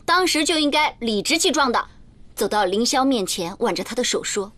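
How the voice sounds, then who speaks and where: An actress in a TV drama playing a brash, sharp-tongued woman lecturing her crying friend. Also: a little high, expressive, fairly quick. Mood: bossy. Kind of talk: TV drama acting.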